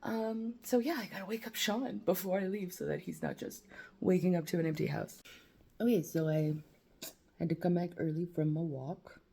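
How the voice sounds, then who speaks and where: A young woman talks loosely to her vlog camera. She rambles, swears and pokes fun at herself while her face aches. Her voice sits low and is soft and husky, with a dark, mellow tone. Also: fairly even intonation, normal speed. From New Mexico. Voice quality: swearing, rambling, self-mocking. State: in facial nerve pain. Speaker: vlogger. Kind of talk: casual talk to camera.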